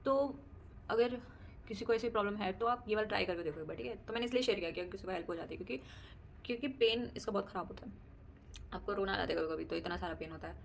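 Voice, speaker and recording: A woman's voice: mid-range voice, fast talker, creaky, slight background noise. A young adult woman vlogger chatting casually to camera about her daily life, laughing often and mixing in English words. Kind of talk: casual personal chat to camera.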